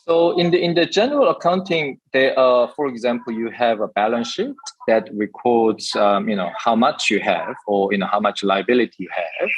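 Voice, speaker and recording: A man's voice: medium pitch, normal speed, breathy edge, no room sound, highs cut off. A man, raised in the UK, explaining things thoughtfully as a guest in an interview, with many small fillers. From Korea, raised in the UK. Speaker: guest, tech executive. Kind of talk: measured interview answers.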